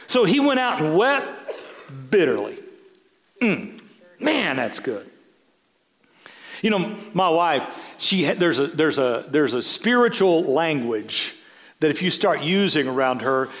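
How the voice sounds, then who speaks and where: A pastor preaching a sermon, telling stories with many stammering restarts. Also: male voice, a little high. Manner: storytelling, animated, stammering restarts.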